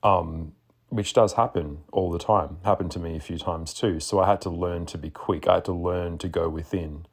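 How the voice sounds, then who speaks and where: A man with a deep, husky, just-woken voice, chatting casually as a podcast host in a sassy, blunt way. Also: fairly even intonation, normal speed. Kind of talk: casual spoken monologue.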